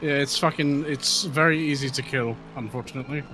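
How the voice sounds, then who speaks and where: A man's voice: medium pitch, fairly quick, a loud crowd. A man on team voice chat during a sim race, cracking goofy, sarcastic jokes. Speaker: team driver.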